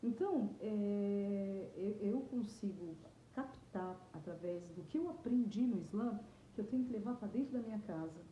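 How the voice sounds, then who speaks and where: A middle-aged woman with a Brazilian Portuguese accent, earnestly telling her personal story as an interviewee, often halting and restarting her words. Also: mid-range voice, lively intonation, muffled recording. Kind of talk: emotional personal testimony. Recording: echoey room with faint noise.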